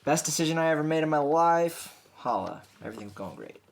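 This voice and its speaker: Goofy deadpan young man vlogging. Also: fairly high pitch, brisk, creaky. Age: young adult. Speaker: singer-songwriter. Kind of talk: casual vlog chat.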